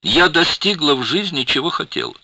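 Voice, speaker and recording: A man voicing a composed woman who speaks in a light, high, matter-of-fact voice. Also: lively intonation, fairly quick, creaky, bright, forceful tone, heavily acted.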